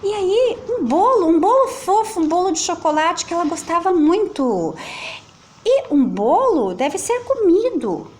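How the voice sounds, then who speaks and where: A woman's voice: extremely high pitch, big pitch swings, a little slow, darkish tone. A woman with a Brazilian Portuguese accent, a teacher reading a children's story aloud in a playful sing-song way. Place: at home with children and a pet nearby.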